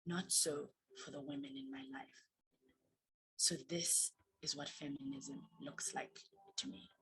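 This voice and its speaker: A woman's voice: deep voice, steady tone, measured pace, a bit bright, husky, rough recording. A woman from Zambia reading her own reflective personal story as recorded narration. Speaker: student storyteller. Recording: narration with faint background music.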